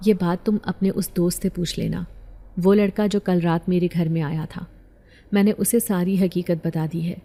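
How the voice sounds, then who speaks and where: A woman's voice: on the low side, fairly even intonation, warm tone. A woman voicing a secretive, threatening old woman in an audio story, speaking coldly and insistently.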